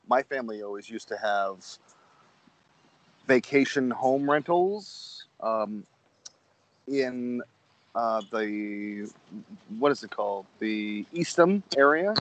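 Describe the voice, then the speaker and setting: A man's voice: medium pitch, expressive, takes it slowly, pauses often, rough recording. A man from Connecticut with an American accent, interviewing in a casual, thoughtful and somewhat hesitant way. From Connecticut, United States.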